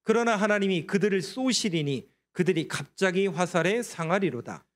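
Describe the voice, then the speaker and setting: High-voiced male pastor, sermon delivery, rhetorical call-and-answer, leads responsive readings. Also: expressive, normal speed. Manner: asks the congregation questions and answers them himself; acts out prayers in a pleading voice. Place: church sanctuary.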